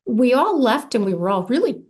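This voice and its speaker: A woman's voice: fairly high pitch, sing-song, fairly quick, a little mellow. A woman in her sixties from Argentina, an architect answering interview questions in a thoughtful, conversational way. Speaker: architect and firm founder. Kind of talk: casual interview.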